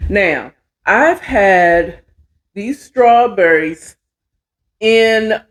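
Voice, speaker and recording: A middle-aged American woman hosts a storytelling show, chatting with viewers in a folksy way and often half talking to herself as she works. Her mid-range voice is expressive, with drawn-out words.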